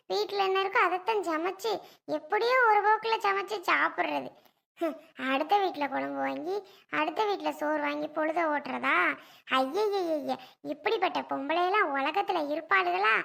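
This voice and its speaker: A woman's voice: very high voice, vocal fry, a bit bright, heavily acted. Woman playing a nagging old village mother-in-law. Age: older. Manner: nagging, sarcastic, drawn-out complaints. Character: scolding old village mother-in-law, sharp-tongued, boastful. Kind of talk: family comedy skit.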